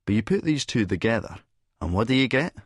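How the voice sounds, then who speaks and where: In clean studio sound with no room echo, a man voices a cynical middle-aged Scottish schemer in first-person audiobook narration with dialogue. His medium-pitched voice swings widely, moves briskly and carries a breathy edge. He lectures verbosely, scornful and sardonic.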